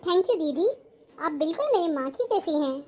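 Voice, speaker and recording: An actress playing a lazy, sly young sister-in-law who sweet-talks and makes excuses, in a family drama. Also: female voice, extremely high pitch, expressive, moderate pace, darkish tone. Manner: sweet-talking, making excuses. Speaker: actor.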